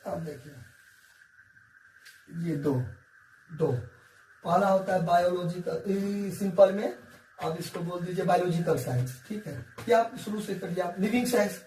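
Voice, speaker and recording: Warm and high-voiced, this male science teacher speaks at a measured pace with frequent pauses as he works at the whiteboard. He coaxes students along, repeats points, and checks they're following, all captured in an echoey room by a distant mic with faint hiss.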